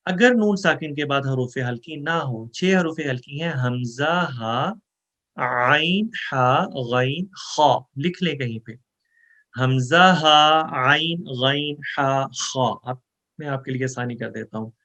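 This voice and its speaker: A man teaching Quran memorization, explaining pronunciation rules and reciting verses in a slow, drawn-out chant. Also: medium pitch, a bit bright. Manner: explains Urdu rules mixed with English words. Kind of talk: online recitation lesson.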